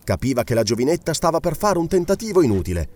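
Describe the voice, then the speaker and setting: A man narrating a classic novel as an audiobook, with expressive storytelling. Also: a little high, fast.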